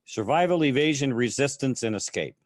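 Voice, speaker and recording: A man who is a military veteran, recounting his experiences haltingly with many fillers as an interview guest. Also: medium pitch, expressive, no room sound, studio quality. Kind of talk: casual interview storytelling.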